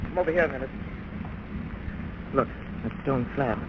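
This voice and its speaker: An actor playing a resolute sleuth in a 1930s radio mystery, giving urgent, clipped commands. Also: male voice, medium pitch, moderate pace, close to an everyday voice. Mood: urgent, commanding. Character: calm, resolute male amateur sleuth. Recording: noisy, muffled 1930s radio recording.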